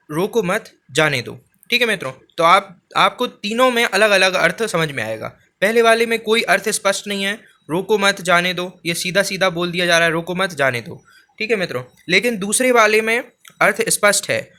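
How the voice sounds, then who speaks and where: Man, teacher, patient step-by-step explanation, high voice. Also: pushed and bright. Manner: repeats a filler phrase, explains slowly with examples. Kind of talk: Hindi grammar lesson for exam prep.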